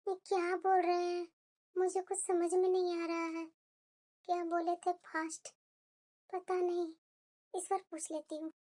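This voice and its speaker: Cartoon: a naive, eager young bride, meek and polite, extremely high-pitched. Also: female voice, normal speed, fairly bright tone. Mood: puzzled. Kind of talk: cartoon voice acting.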